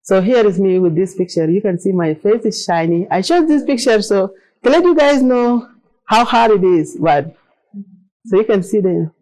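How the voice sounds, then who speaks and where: A middle-aged woman from South Sudan, native in Arabic and Dinka, recounts her own story in sincere, plainly phrased English marked by a South Sudanese accent. Her medium-pitched voice is animated and dark in tone, at a moderate pace. The recording is rough.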